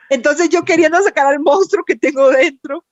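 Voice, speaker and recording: Guatemalan woman, animated storyteller, dry dull podcast sound. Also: sits high, measured pace, no echo. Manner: animated storytelling with many fillers. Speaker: guest voice actress. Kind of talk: casual podcast interview.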